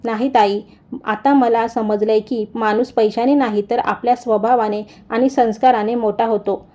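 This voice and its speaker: A woman's voice: fairly high pitch, fairly even intonation, moderate pace, dark tone, close to an everyday voice. A woman voicing a once-proud young sister who now pleads tearfully, in a dull lo-fi recording.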